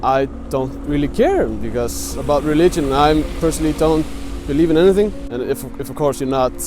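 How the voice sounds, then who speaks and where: A young man, a student answering a street interview in halting, searching English. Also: on the high side, animated, background noise. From Iceland. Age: young adult.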